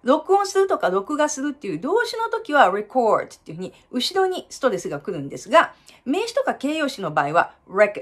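A woman coaching American English pronunciation, explaining points in a lively way and reading English slowly and carefully. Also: high-pitched. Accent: American English when reading. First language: Japanese. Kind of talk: pronunciation lesson.

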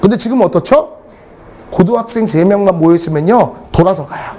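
There's a little hiss or hum as this middle-aged English lecturer spins blunt, funny classroom tales, swearing freely for laughs. His high voice has a warm tone and moves a little fast in this lively storytelling.

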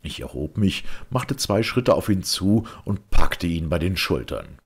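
A man narrates a novel in the first person with a very deep, husky voice. His delivery is measured, and his pitch moves widely from phrase to phrase. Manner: measured, expressive storytelling. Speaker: audiobook reader.

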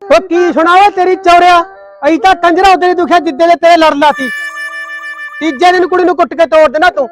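A man's voice: extremely high pitch, fairly even intonation, fast, soft background music. A man playing a scolding brother. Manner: scolding, insulting. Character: angry brother-in-law, scolding and blunt.

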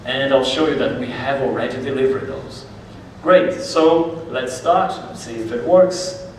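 A Brazilian man in his forties delivers a conference presentation in a friendly, conversational way, gesturing a lot and never rushing, his voice sitting at a mid pitch. He's recorded from far off, so the big hall adds heavy echo and a faint ambient hum.

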